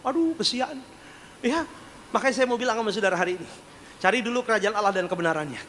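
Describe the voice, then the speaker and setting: A man's voice: high-pitched, lively intonation, fast talker, a bit bright. A male pastor preaching in a joking, storytelling way and acting out the people he quotes, on a stage microphone in a large church hall. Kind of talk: sermon. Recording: long church-hall reverb, faint noise.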